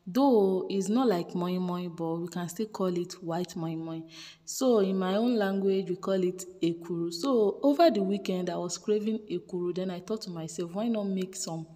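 A woman's voice: fairly low pitch, mellow, long reverb tail. Chatty woman narrating her cooking. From Nigeria. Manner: chatty, repeats words for stress. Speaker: cooking vlogger. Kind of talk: casual voice-over narration.

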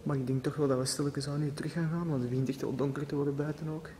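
A man with a Flemish accent narrating an exploration vlog through an abandoned factory, talking in a hushed voice that often drops to a whisper. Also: a little high, steady tone, racing. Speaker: urban explorer vlogger. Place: abandoned factory, large empty halls indoors. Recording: noisy handheld camera audio.

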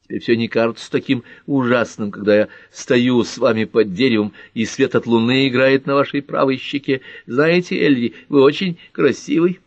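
A man's voice: medium pitch, moderate pace, hardly any pauses, no echo, muffled recording, voice pushed up, close to an everyday voice. A man voicing an anxious, tearful young woman in an audiobook, speaking in a pleading, emotional way. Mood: tender.

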